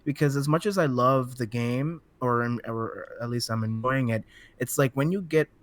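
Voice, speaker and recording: A man's voice: medium pitch, normal speed, no room sound. Man, podcast guest, casual chat, hesitant, restarts sentences, dry sound.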